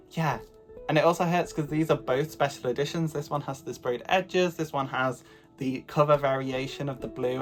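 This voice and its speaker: A young man with a slightly raspy voice, chatting casually and rambling to camera as a book vlogger. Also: medium pitch. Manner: chatty, rambling, self-deprecating.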